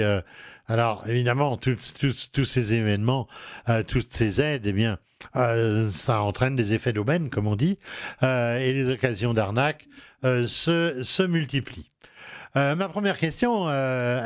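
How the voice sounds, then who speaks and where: Male radio host, regional French accent, hesitant with fillers, mid-pitched voice, dry close sound. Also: smooth, no echo. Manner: hesitant, many fillers and restarts. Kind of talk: home advice and interview talk show.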